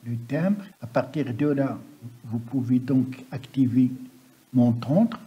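A man with a husky, rough voice narrating a step-by-step screen-recording tutorial. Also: medium pitch, slow, muffled recording. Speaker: software tutorial presenter. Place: voice-over on a computer screen recording.

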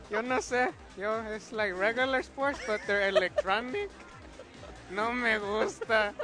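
A man's voice: sits high, expressive, measured pace, over music. A man voicing a confused Mexican man, talking in a put-on Mexican Spanish accent as a comedy bit.

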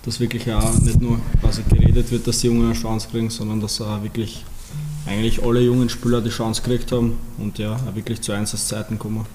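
A man's voice: lowish voice, quick pace. A young man answers interview questions. His voice stays strikingly level, with little rise or fall. A faint hum of ambience sits behind him. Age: 20s. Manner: even, flat delivery with many fillers. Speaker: footballer.

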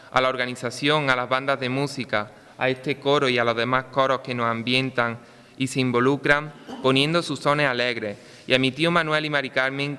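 A young man delivers a festival proclamation from a written text. His voice is bright and crisp, with a measured public delivery. It carries through a large church with long reverb. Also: medium pitch. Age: young adult. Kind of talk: read-out ceremonial speech with recited verse. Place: large ornate church, indoors. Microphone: microphone on a stand.

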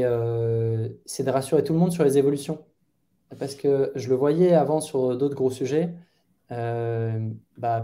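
A guest product manager in his thirties gives casual interview answers over a headset on a video call from his bedroom. His mid-range voice is very dark and mellow, and he speaks at an easy conversational pace, thoughtful but hesitant, with many fillers and restarts.

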